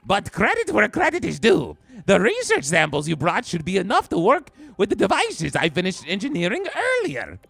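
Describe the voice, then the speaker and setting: A man's voice: sits high, huge pitch swings, moderate pace, creaky, hardly any pauses, fairly bright tone, slightly rough, pitched above the performer's own voice, full character voice. A man voicing a pompous, condescending male geneticist in a nerdy, haughty voice while streaming a game. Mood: smug. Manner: nasal nerd voice, haughty and sneering. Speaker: streamer reading a game character's lines.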